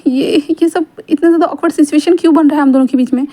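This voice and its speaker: A bashful, flustered young man from a storybook reading, voiced by a woman who keeps close to her own voice, stumbling over his words. The voice is high and dark-toned. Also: fairly even intonation, fast talker, lightly acted. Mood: uneasy. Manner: stammering, flustered.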